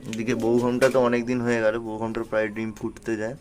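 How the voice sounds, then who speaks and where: Showing off his pigeon loft and garden outdoors, a man gives a plain, casual vlog narration in a rapid-fire, completely flat, darkish medium-pitched voice. Cooing pigeons, birdsong and ambient noise fill the noisy recording.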